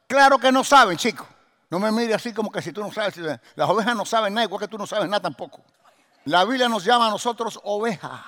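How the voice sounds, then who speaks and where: A man preaches a sermon with a high voice, moving between calm teaching and loud, shouted exhortation. He keeps asking the congregation rhetorical questions. His voice rings out with a long reverb, as in a church hall.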